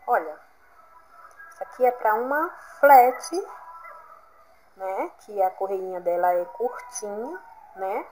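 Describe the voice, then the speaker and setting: A woman's voice: medium pitch, lively intonation, slow, long pauses, darkish tone, slight background noise, low-quality recording. Chatty woman showing sandal crafts. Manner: chatty, encouraging, keeps saying "gente" and "olha". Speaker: crafts vlogger. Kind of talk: casual craft tutorial. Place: home.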